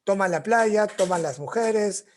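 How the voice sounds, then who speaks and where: A man's voice: sits high, unhurried, a little hiss or hum. A young man with a Peruvian accent lecturing a literature class, retelling stories with quoted voices and checking in with tag questions after most phrases. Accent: Peruvian Spanish. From Peru. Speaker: literature teacher.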